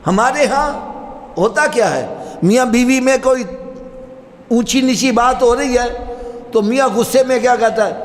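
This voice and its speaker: A man's voice: very high-pitched, pauses often. A middle-aged man preaching a sermon, telling stories and speaking directly to his listeners. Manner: animated, storytelling with rising emphasis and asides to listeners. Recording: long reverb hall with faint ambience.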